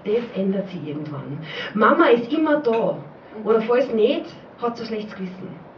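A woman's voice: a little high, big pitch swings, normal speed, a little hiss or hum. A woman performing a spoken-word poem at a poetry slam in a rhythmic, repetitive way, in a small pub. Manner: rhythmic, repetitive, dialect-tinged recital. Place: small pub stage before an audience. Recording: dull, roomy live recording from far off.

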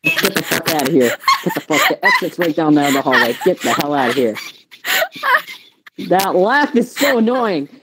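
A woman's voice: low-pitched, sing-song, normal speed, heavy background noise. A woman hosting a VR gaming video, bossing her friends around and teasing them in casual chat. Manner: bossy, teasing, directing others. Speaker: gaming channel host.

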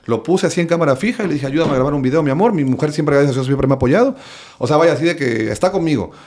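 A man with a Mexican accent, a comedian chatting casually, animated and profane. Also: on the high side, rapid-fire. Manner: animated, profane, acts out quotes. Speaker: guest comedian. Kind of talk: casual chat.

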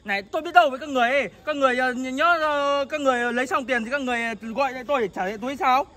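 A man's voice: very high voice, rapid-fire, sharp tone. A man arguing blunt and accusing at a roadside in the evening, in a staged street drama. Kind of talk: heated street argument.

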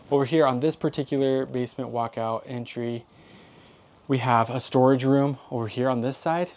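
Cheerful contractor guy walking you through a job outside, phone at arm's length, middle pitch. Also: darkish tone. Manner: upbeat and chatty, explaining step by step. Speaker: building contractor. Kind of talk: on-site how-to walkthrough. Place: outdoors at a basement walkout door. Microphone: phone held at arm's length.

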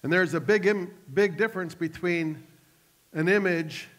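A man's voice: high voice, unhurried, fairly bright tone. A male pastor preaching a sermon, telling stories animatedly and adding joking asides to the congregation. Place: church sanctuary. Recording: long reverb of a church hall.

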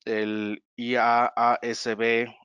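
A man presenting slides in a webinar, explaining in a measured way and calling for the next slide. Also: mid-range voice, monotone, a bit bright, clear, resonant tone, no room sound, dull audio.

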